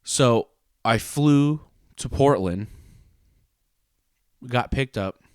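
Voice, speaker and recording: A man's voice: mid-range voice, extremely slow, darkish tone, clean tone, no room sound, studio quality. A man telling a personal story in a casual, comedic podcast style, profane and exaggerating. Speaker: podcast host and pro wrestler.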